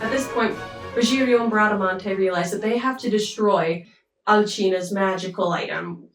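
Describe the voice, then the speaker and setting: A woman retelling an opera plot in a chatty, casual way, with pauses and asides. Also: mid-range voice, over music. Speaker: storyteller summarizing an opera. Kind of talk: casual storytelling. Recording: roomy, mic at a distance.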